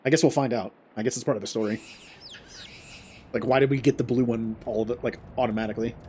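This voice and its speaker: Higher-pitched man streaming a game. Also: steady tone, quick pace, dark tone, a little hiss or hum. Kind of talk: casual live game stream commentary.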